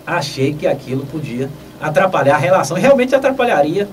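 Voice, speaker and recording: An older man, hosting a radio advice show in a measured, lecturing manner with emphatic rises. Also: fairly high pitch. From Northeast Brazil. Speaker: radio host answering listener questions. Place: small dark radio studio. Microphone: studio mic on boom, heard from a distance. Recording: distant mic with clear background noise.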